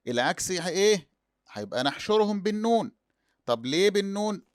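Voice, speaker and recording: A man with an Egyptian accent explains a lesson, asking questions aloud and answering them himself. His voice sits a little high. The sound is dry and close to the mic. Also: no room sound. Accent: Egyptian Arabic. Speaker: teacher.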